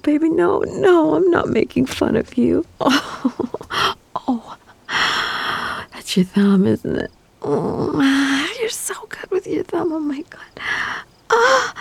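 A woman speaks to a partner in an intimate erotic roleplay, her breathy whisper broken by moans and gasps. Her voice sits high, and there's no echo.

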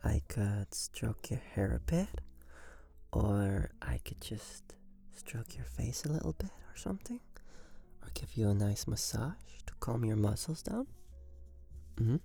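A man in a whispered role-play as a tender, soothing boyfriend, murmuring sweet nothings in a soft, breathy voice. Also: on the low side, big pitch swings, unhurried, soft background music.

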